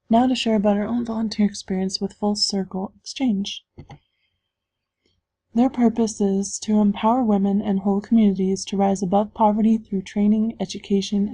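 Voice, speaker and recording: A woman's voice: mid-range voice, warm tone, breathy edge, no room sound, low-quality recording. A woman giving a prepared presentation as a speaker with slides.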